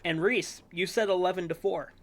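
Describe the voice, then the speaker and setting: A man hosting a casual sports preview podcast, talking in a relaxed, rambling way with fillers and self-corrections. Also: high voice, moderate pace. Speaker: podcast host.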